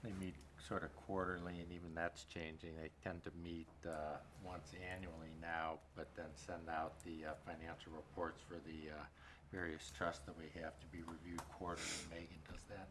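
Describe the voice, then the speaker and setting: A man's voice: low-pitched, flat delivery, moderate pace. A man on a town board arguing his point in a conversational, persuasive way. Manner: persuasive, conversational, rising when pressing a point. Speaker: select board member. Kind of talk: debating at a town board meeting. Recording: noisy meeting room recording.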